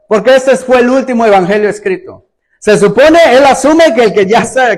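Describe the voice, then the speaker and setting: A male pastor preaching a sermon in an emphatic style, acting out sarcastic rhetorical questions. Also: high voice.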